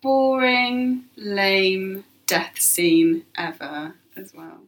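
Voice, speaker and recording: A woman's voice: medium pitch, animated, very slow. A woman co-hosting a podcast, chatting casually, giggly and self-mocking. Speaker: podcast co-host. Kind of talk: casual chat.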